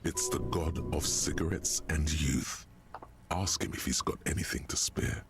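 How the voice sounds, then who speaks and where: A man voicing the omniscient narrator of a video game in a deep, gravelly voice, giving scripted narration. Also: measured pace, heavily acted. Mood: brooding. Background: game music.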